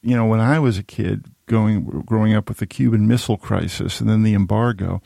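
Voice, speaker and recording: A man's voice: fairly low pitch, fairly even intonation, fairly quick, vocal fry, dark tone, no echo, studio quality. A man in his sixties hosting a radio talk show, asking long, rambling questions full of restarts. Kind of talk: radio interview. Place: radio studio. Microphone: studio microphone.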